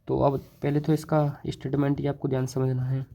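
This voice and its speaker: A man's voice: medium pitch, completely flat delivery, normal speed, vocal fry, dark tone. A man teaching a math lesson at the board in a casual, chatty way, with a North Indian accent, mixing English terms into his talk and often repeating little fillers. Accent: Hindi-English code-mixing, North Indian. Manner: chatty, repeats "thoda sa" and "theek hai", many fillers and restarts. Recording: dull, lo-fi mic.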